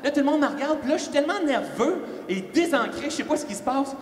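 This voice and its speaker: A fast-talking, animated man with a Québécois accent, telling a self-mocking story as a motivational speaker in a large church hall. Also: very high-pitched. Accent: Québécois French. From Quebec. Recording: echoey reverberant church hall.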